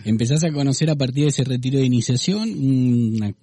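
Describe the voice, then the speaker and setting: A man's voice: mid-range voice, brisk, dark tone, dry recording, clean studio sound. A man from Argentina with an Argentine accent, interviewing a guest and prompting him with short encouraging replies. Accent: Argentine Spanish. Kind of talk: conversational interview.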